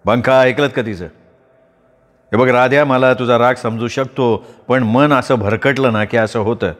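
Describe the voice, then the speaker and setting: A male storyteller playing a stern, short-tempered rich landowner who speaks slowly and weightily. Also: medium pitch, steady tone, lightly acted.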